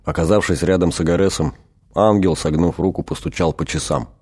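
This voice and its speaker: A man narrating an audiobook in a measured, dramatic reading. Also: low voice, steady tone, darkish tone. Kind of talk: scripted narration.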